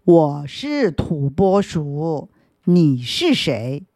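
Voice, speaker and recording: A woman voicing a gruff groundhog in a children's story, speaking slowly with a low, deep voice and curt replies. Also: sing-song, mellow, no echo, studio quality, heavily acted. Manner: slow, curt, unhelpful.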